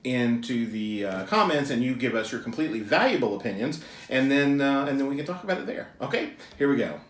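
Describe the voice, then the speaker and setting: A man's voice: mid-range voice, very animated, a little fast, echoey room. Rambling jokey male show host. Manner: rambling and jokey, with many ums and uhs. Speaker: co-host of a trailer reaction show. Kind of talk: casual reaction chat.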